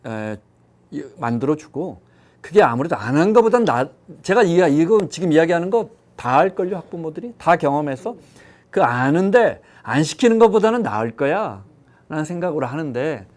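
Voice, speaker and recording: A middle-aged man chatting on a talk panel, telling personal stories and acting out quoted voices. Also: fairly high pitch. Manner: storytelling, animated quoting of others. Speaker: economics show panelist. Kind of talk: casual chat.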